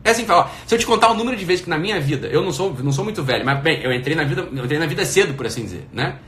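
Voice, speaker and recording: Fast, fiery motivational man. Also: fairly high pitch, lively intonation, a bit bright, slight background noise. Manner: emphatic and profane, full of rhetorical questions. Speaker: motivational speaker. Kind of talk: motivational talk to an audience.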